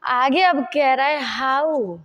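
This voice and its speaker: A woman teaching spoken English in Hindi, repeating each phrase slowly while she writes out the examples. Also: high-pitched, a bit bright, lo-fi sound.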